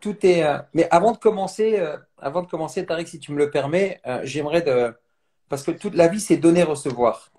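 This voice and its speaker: A man's voice: fairly high pitch, fairly quick, mellow. A man from France, a mindset trainer, speaking earnestly in a live online interview and repeating phrases for emphasis. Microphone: phone on mobile data.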